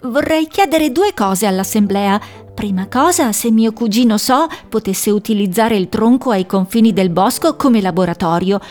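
A woman voicing a young female owl who is cheerful and caring, talking in a bright, reassuring way. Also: mid-range voice, animated, normal speed, soft background music, lightly acted. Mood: earnest. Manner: bright, reassuring, a little anxious underneath.

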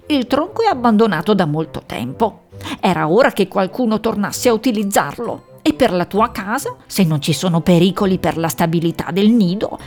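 A woman's voice: medium pitch, lively intonation, normal speed, a little mellow, faint music behind, lightly acted. A woman voicing a male duck who is a kindly deputy mayor, friendly and reassuring.

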